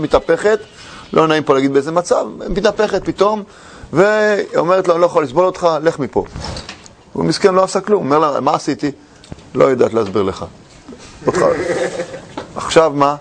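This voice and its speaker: A man delivering a religious lecture, his voice sitting fairly high and swinging widely in pitch. He talks with a storyteller's animation and slips into the voices of a quarrelling husband and wife. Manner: animated, acts out arguing couples. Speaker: rabbi giving a lecture. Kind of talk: religious lecture with acted quotes.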